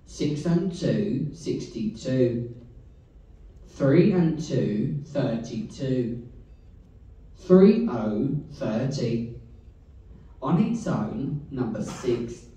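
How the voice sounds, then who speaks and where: A man calling bingo numbers in a steady sing-song, repeating each pair of digits before the full number, in a large hall. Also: mid-range voice, slight background noise. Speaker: bingo caller. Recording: echoey hall, voice from far off.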